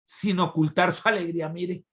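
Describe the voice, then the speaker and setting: A man preaching a sermon, retelling a Bible story with lively swings from loud cries to quiet asides. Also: high voice, moderate pace.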